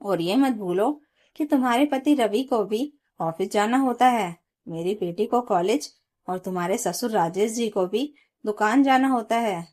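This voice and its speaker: A woman narrator putting on a stern mother-in-law who scolds and gives orders. The voice sits a bit higher and louder than her plain narration. Every line sounds bossy and impatient. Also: unhurried. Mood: scolding.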